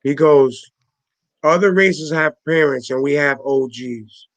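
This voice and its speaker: A man's voice: fairly high pitch, slow, dry recording. A man in his forties hosting a casual panel chat on a video call, emphatic and full of street slang, repeating his points. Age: 40s.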